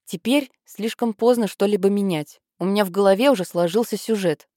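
In an audiobook, a woman with a mellow, medium-pitched voice close to everyday speech plays Harriet, a bossy teenage girl who wants to be a playwright. Her delivery is brisk and decisive, and the recording is dry and clean, with a studio sound.

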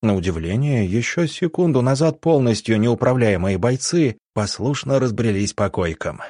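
A man narrating an audiobook in a tense, measured storytelling manner. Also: mid-range voice, lively intonation, a little mellow, no echo, studio quality.

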